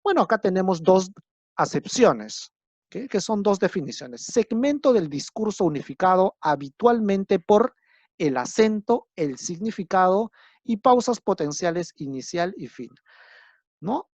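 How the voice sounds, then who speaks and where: This lecturer's voice sits high and swings widely in pitch, a little slow and mellow, with no echo. In a dull lo-fi recording of his class, he explains patiently, repeats the key terms, and keeps asking tag questions to confirm students follow.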